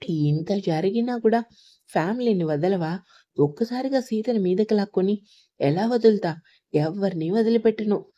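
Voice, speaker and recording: A woman voicing a domineering, angry young husband in a story reading, in a mellow voice. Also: mid-range voice, moderate pace, muffled recording, natural voice. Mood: menacing. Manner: cold and threatening.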